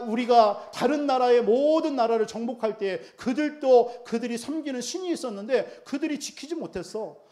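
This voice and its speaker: A man's voice: very high-pitched, a little mellow, pitched above the performer's own voice. A man voicing a scornful, arrogant Assyrian royal envoy who taunts a besieged people.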